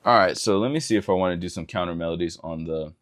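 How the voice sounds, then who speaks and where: A man talking casually while working on vocals in a home studio, relaxed and self-deprecating. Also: low voice, fast talker, soft background music. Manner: relaxed, self-deprecating, laughs at own attempts. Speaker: indie musician recording vocals. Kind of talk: casual vlog talk.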